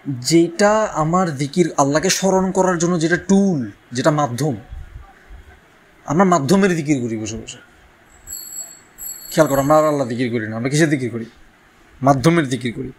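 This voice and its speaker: A man's voice: a little high, darkish tone, slightly rough. A man giving a religious talk, conversational, often asking his listeners rhetorical questions and mixing in English words. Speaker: Islamic preacher.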